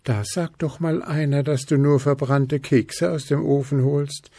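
A man's voice: a little high, fairly even intonation, measured pace, dark tone, husky, no echo, clean studio sound, pitched above the performer's own voice. A man voicing a group of little rabbit children who chatter eagerly.

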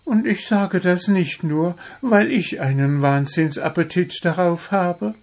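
A man doing a squeaky, eager little friend. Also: slow pace. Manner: very high, eager, consoling.

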